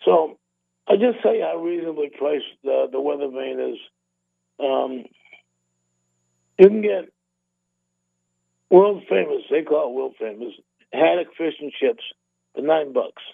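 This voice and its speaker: A man's voice: fairly high pitch, moderate pace, creaky, no room sound. A man from the Boston area hosting a radio show, chatting casually in a rambling way with repeated words and restarts. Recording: narrow phone-like radio sound, dry.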